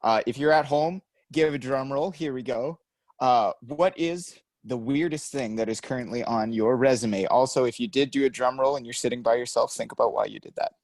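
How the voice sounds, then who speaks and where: A man in his twenties co-hosting a podcast, chatting casually with quick self-mocking asides. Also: medium pitch, darkish tone, no room sound. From Canada. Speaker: podcast co-host. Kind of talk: casual chat.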